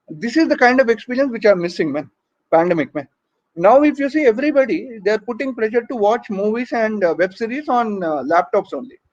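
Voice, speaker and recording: Over a dull, low-fidelity online call, a man with an Indian English accent does a stand-up set from home for a virtual conference, playfully ribbing the crowd and tossing in tag questions constantly. He speaks in a high, slightly mellow voice.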